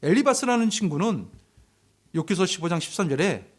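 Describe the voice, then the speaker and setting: Husky, lively Korean pastor preaching. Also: male voice, high-pitched, fairly quick. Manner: animated, acts out quarrels in quoted voices; drops to near-whispers for emphasis. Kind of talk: sermon. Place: church hall.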